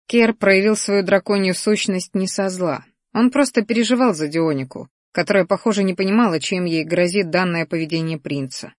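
Low-voiced woman narrating an audiobook. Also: normal speed, hardly any pauses, dry recording, studio quality. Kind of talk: scripted narration.

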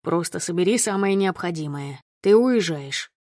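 A woman reader voicing a weary gray-haired father who gives curt, flat commands in a lowered voice. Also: normal speed, no echo, studio quality.

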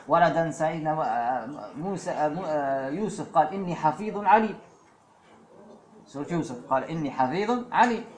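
A man giving a religious lesson as a preacher, slowing down to recite verses. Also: on the high side, slight background noise. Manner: fillers and asides, slows to recite verses. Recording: echoey room with faint ambience.

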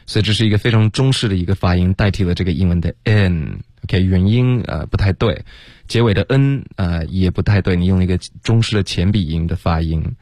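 Low-voiced man teaching pronunciation. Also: a little mellow, no echo, clean studio sound. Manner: explains patiently, slows down to demonstrate sounds. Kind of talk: radio language lesson. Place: radio studio.

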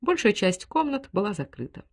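Woman narrating an expressive audiobook. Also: medium pitch, fairly quick. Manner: expressive, dramatic reading. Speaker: audiobook reader. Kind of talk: scripted literary narration.

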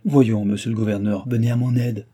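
A man reading a novel aloud, voicing a young royal princess who is brisk, gracious and commanding. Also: lowish voice, steady tone, lightly acted. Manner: brisk, imperious, graciously warm. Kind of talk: audiobook character reading.

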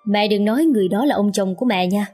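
A man's voice: high-pitched, fast, darkish tone, soft background music, natural voice. A woman voicing a hot-tempered young man who speaks curtly and threateningly to his mother. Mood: angry. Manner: curt, demanding and threatening.

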